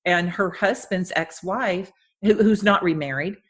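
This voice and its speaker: This podcast host, a woman in her fifties, has a husky, fairly low voice and an unhurried pace. Her casual interview chat rambles warmly, full of restarts and easy laughter.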